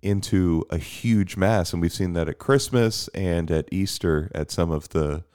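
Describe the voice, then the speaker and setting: A man's voice: low-pitched, unhurried, darkish tone, smooth. A man co-hosting a casual podcast chat, easygoing, chuckling and trailing off mid-thought. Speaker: podcast co-host.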